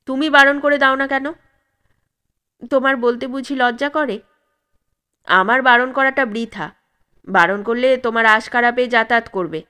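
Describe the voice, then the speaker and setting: A woman's voice: a little high, moderate pace, long pauses, sharp tone, smooth. A woman voicing an angry, suspicious husband who scolds his wife in a raised, accusing voice. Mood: angry scolding.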